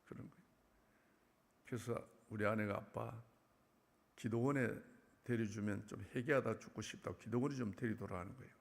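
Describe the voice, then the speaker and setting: A middle-aged man giving an emotional church testimony, pleading tearfully and swinging from hushed to loud. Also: medium pitch, creaky. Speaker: testimony speaker. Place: church sanctuary. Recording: church hall reverb.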